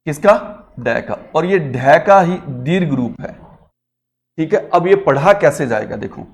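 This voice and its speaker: Man, classroom grammar teacher, somewhat high voice, quizzes students constantly as he explains. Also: expressive, unhurried. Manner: explains step by step with frequent quiz questions. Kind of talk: classroom lecture.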